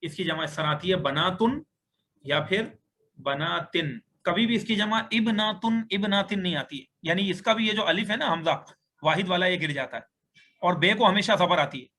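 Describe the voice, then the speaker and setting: Bright high-voiced male Arabic teacher. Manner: patient, explains step by step while writing on screen. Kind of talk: online grammar lecture. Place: online class on a video call.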